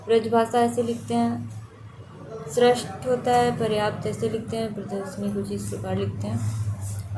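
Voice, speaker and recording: A woman's voice: a little high, noisy background. A woman teaching an online exam-prep lesson, steadily repeating which spellings are correct and which are wrong.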